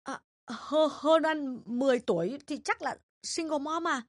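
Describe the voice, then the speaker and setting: A woman voicing a polite young adult daughter who speaks softly and hesitantly, smoothing things over in an audio drama. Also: high-pitched, a little slow, no echo, clean studio sound. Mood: tactful.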